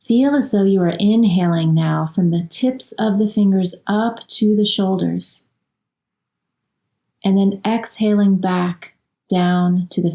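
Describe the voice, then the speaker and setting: In the role of a yoga nidra teacher, a woman calmly guides listeners through relaxation with short, slow phrases and lengthy pauses. Her medium-pitched voice carries vocal fry and a warm tone.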